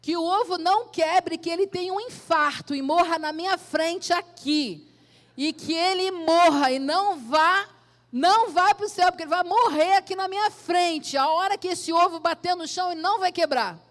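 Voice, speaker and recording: A woman's voice: a little high, moderate pace, big-room sound, close to an everyday voice. A woman preacher voicing an earnest young male student praying aloud with rising fervor. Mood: fervent prayer.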